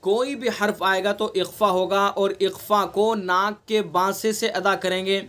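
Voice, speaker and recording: A man with a Delhi Urdu accent teaching Quran recitation rules in an online class, patiently explaining and repeating examples with drawn-out nasal sounds. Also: sits high, steady tone, fairly bright tone. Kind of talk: online tajweed lesson. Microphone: online class recording.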